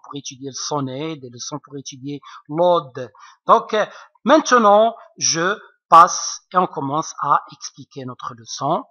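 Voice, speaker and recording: A man teaching a recorded literature lesson, hesitant and full of fillers, often pausing to check that his students follow. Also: fairly high pitch, bright, forceful tone. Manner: hesitant, many fillers, keeps checking understanding. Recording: dull lo-fi recording.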